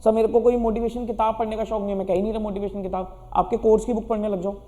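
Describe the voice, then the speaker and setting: A man's voice: high-pitched, flat delivery, rapid-fire, dark tone, long reverb tail. Hindi-speaking man giving a motivational pep talk. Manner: direct, asks and answers his own questions. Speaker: teacher.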